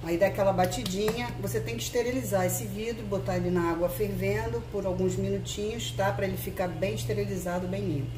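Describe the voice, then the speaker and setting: A woman's voice: mid-range voice, steady tone, a little fast, hardly any pauses, roomy sound, far from the mic, background noise. A woman with a Brazilian Portuguese accent hosting a casual cooking demonstration, chatting through each step for her viewers. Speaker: cooking video host. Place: home kitchen.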